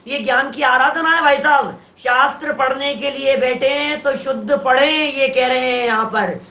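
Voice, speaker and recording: A man's voice: very high-pitched, steady tone, normal speed, bright, forceful tone, reverberant. A man, a preacher giving a sermon who explains a verse phrase by phrase and asks the listeners rhetorical questions. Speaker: Jain preacher.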